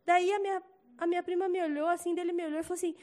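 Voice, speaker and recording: A young woman with a Brazilian Portuguese accent speaks in a high voice, telling a church testimony in a casual, chatty way. She acts out quotes loudly and animatedly as she goes. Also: racing. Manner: chatty, animated storytelling with loud acted quotes. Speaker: church member giving a testimony.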